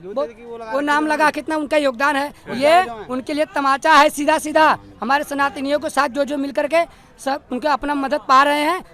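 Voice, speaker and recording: A man's voice: very high-pitched, fairly bright tone. A man being questioned on the street, arguing his point insistently and repeatedly asking to be heard out. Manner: insistent, keeps demanding to be heard. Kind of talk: heated street argument.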